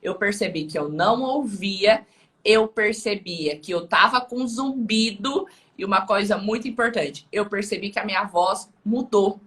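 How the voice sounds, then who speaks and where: A woman guest in a relaxed interview, speaking with a bright, forward tone. She rambles in a friendly way and keeps checking in with her listener. Her pitch sits in an ordinary middle range. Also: a little slow. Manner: chatty, tags sentences with "tá?" and "né?". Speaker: audiologist guest. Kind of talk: casual interview talk.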